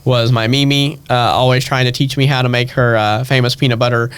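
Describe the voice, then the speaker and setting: A young man, a stage actor, telling family stories in a chatty, animated way and acting out their voices. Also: medium pitch, a little fast, smooth. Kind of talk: casual storytelling chat.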